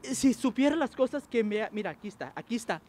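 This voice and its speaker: Man, quiz show host, very high pitch, teasing, bilingual, faint background noise. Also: a little fast. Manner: animated, teasing, switches between Spanish and English. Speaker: game show host and English teacher. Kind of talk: playful street quiz show.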